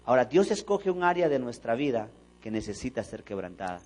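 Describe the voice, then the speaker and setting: Animated pastor preaching. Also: male voice, mid-range voice, a little fast, low-quality recording. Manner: animated storytelling, acting out dialogue. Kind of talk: sermon. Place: church sanctuary.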